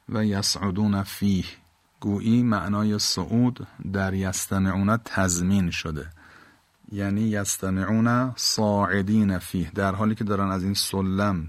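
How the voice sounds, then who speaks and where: A man with a lowish voice teaches a Quran exegesis lesson. He recites each Arabic phrase and then explains its words patiently. The sound is dry and close. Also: dry recording.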